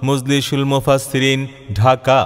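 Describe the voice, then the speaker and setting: A man's voice: medium pitch, monotone, clean tone. Echoing, chanting Bangladeshi male announcer. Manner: declamatory, chanting cadence with drawn-out phrases. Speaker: event announcer. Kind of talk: scripted loudspeaker advertisement for a religious gathering. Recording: long echoing reverb, faint music behind.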